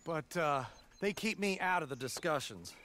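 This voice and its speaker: A man's voice: a little high, expressive, normal speed, sharp tone, a little hiss or hum. An actor playing an anxious, rambling young man from a rich family in a video game. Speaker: game character.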